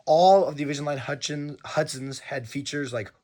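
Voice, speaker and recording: A man with a scratchy, hoarse voice, giving an enthusiastic casual review of a model train and stumbling over his words now and then. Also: on the high side, moderate pace, a little mellow. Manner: enthusiastic, with frequent fillers and restarts.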